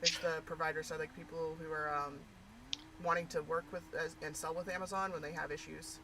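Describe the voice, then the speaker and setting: A woman's voice: low-pitched, level tone, a little fast, over a noisy crowd, low-quality recording. A woman chatting casually and candidly, rambling with lots of fillers. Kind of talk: casual personal chat.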